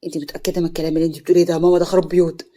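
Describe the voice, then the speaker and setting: Woman doing a lowered-voice young Egyptian husband. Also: little pitch movement, very fast, warm tone, lightly acted. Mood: agitated. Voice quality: lowered, pleading voice.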